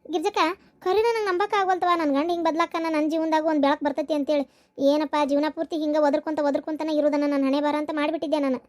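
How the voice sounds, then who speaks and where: Young wife in a village cartoon voiced by a woman, very high pitch, fast talker, North Karnataka Kannada accent, eager. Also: fairly even intonation, close to an everyday voice. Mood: relieved.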